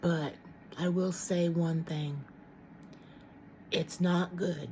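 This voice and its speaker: A woman's voice: fairly low pitch, fairly even intonation, drawn-out words, darkish tone, slight background noise. A middle-aged woman vlogging at home in casual chat to camera, rambling and frank, with many ums and restarts.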